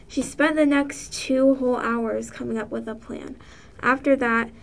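A woman reading aloud a short spooky story, in a plain, steady storytelling manner. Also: fairly high pitch, vocal fry. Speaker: story reader.

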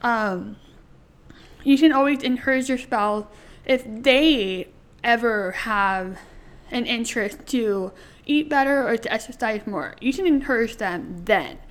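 A woman co-hosts a relaxed faith chat about married life. She talks in an earnest, chatty way, and her voice sits a little higher than most. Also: unhurried. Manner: earnest, chatty, laughs easily. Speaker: co-host.

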